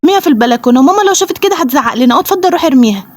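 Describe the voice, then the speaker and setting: A woman voicing a bossy older sister in a toy role-play, bickering quickly with her brother in an Egyptian Arabic accent. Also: high voice, animated, soft background music.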